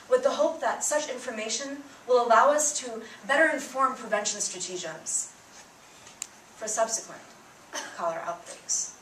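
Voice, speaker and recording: A young adult woman student, native in Bengali, presents a prepared public talk emphatically and earnestly, her voice lifting whenever she begins a new point. It's a little high and fairly bright in tone. The mic sits at a distance, making the sound roomy, and there's a little hiss or hum.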